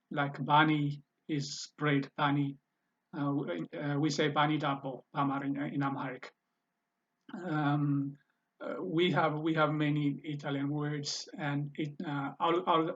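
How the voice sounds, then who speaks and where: A man's voice: fairly high pitch, fairly bright tone. A man teaching a language lesson, patiently repeating words for pronunciation. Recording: dull lo-fi recording.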